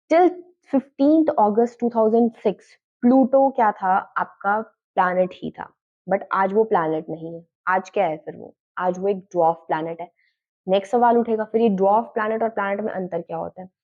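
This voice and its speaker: A woman's voice: mid-range voice, narrow, tinny audio. A woman teacher giving a lecture, asking questions and answering them herself, often switching into English phrases. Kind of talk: classroom lecture.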